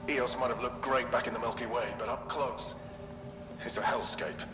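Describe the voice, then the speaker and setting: A man's voice: mid-range voice, steady tone, moderate pace, background noise, natural voice. A man voicing a grim, gloomy colonist log. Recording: game audio log with room echo and music.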